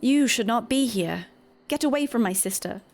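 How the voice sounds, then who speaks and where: A woman's voice: on the high side, expressive, moderate pace, soft background music, voice pushed up. A woman voicing a protective teenage boy from a video game, bitter and weary, with a grave, pleading delivery. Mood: stern. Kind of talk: reading video game dialogue.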